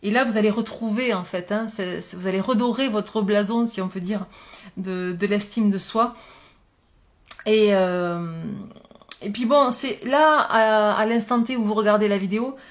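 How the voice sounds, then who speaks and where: A woman giving a spiritual love card reading, with a gentle, reassuring manner, thinking aloud as she goes. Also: mid-range voice, moderate pace. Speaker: oracle card reader.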